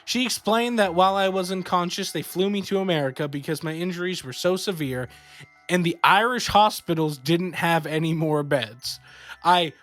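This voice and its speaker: A man co-hosting a podcast, reading a horror story aloud in a slow, steady storytelling way. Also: high voice, faint music behind. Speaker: podcast co-host.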